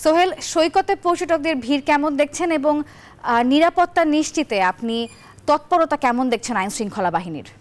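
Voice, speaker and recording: A woman's voice: high voice, expressive, a little fast. A woman with a Bangladeshi accent presenting live news as an anchor and handing over to reporters.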